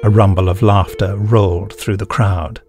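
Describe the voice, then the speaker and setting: A man's voice: fairly low pitch, fairly even intonation, darkish tone, faint music behind. Man narrating a dramatic story. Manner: measured, theatrical storytelling with weighty pauses.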